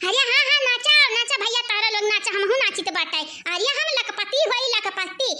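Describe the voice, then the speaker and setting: A performer voicing a boastful old village man in a cartoon, speaking with an Awadhi accent and shifting between sing-song bragging and wailing. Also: fairly quick. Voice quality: high, squeaky cartoon voice. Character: boastful old village man, money-proud and then panicking. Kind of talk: cartoon voice acting. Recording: heavy background noise.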